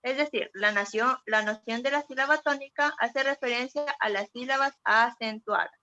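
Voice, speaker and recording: A woman's voice: a little high, normal speed, sharp tone. Female student explaining in a formal tone. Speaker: student presenter. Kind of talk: class presentation, reading notes. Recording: dull lo-fi audio.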